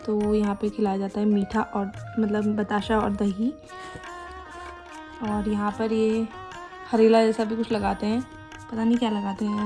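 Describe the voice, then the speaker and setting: A young woman from Uttarakhand, India, narrates her wedding photos in a vlog voice-over, rambling casually and laughing a little. Her mid-range voice has a warm tone, clear background music plays, and the narration wasn't recorded at the wedding itself.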